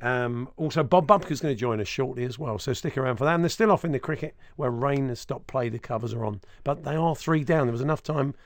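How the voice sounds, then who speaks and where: A man's voice: medium pitch, quick pace, hardly any pauses, no echo. Man hosting radio, close dry sound. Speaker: radio show host. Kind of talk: casual sports radio chat. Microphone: close studio microphone.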